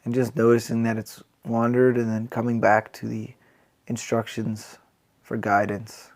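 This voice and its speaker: Guiding listeners through a body scan, a male meditation teacher speaks at a medium pitch with unhurried gentleness, calmly letting long silences stretch between his words.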